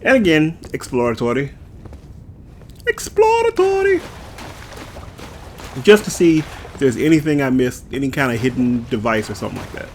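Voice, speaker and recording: A gameplay streamer casually comments on his own play in a fast, mid-range voice, with slight background noise. He's playful and jokey, talks straight to his viewers, and drifts into sing-song bits.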